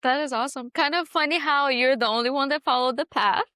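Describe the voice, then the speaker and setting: A woman's voice: high voice, fast talker, pushed and bright, dry recording, studio quality. A woman hosting a podcast, upbeat and encouraging toward her guest. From Brazil. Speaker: podcast host. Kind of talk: casual podcast interview.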